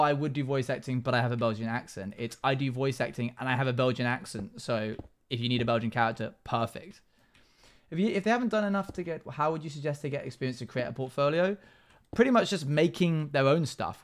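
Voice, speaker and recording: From a small room in his home, a live streamer in his twenties chats casually about his game while reading and replying to chat. He has a smooth, mid-range voice.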